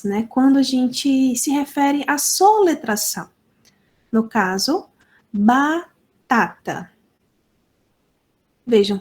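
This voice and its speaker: Woman teacher, Brazilian Portuguese accent, unhurried, slightly high voice, patient step-by-step explaining. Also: darkish tone. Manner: slow, deliberate explaining with frequent checks for understanding. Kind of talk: online lesson explaining sign language phonology.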